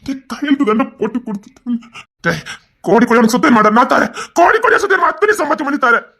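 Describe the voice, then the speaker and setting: A performer voicing a devoted young husband who swears loyalty to his crying wife and scolds others loudly, in a Tamil romance audio drama. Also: high voice, big pitch swings, fast, heavily acted. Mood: pleading, scolding.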